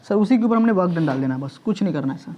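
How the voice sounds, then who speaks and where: High-voiced male teacher quizzing his class. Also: lively intonation, very fast, dark tone, highs cut off, soft background music. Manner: quizzes students constantly, tacks "sir" onto every question, scolds them. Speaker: physics teacher. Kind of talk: classroom lecture. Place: classroom with students.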